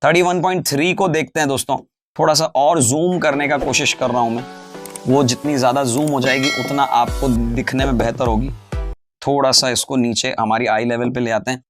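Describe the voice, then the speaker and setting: A man teaching English grammar in an online lecture, explaining in Hindi, slowing down to read English examples, and addressing his viewers as friends. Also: medium pitch, steady tone, faint music behind.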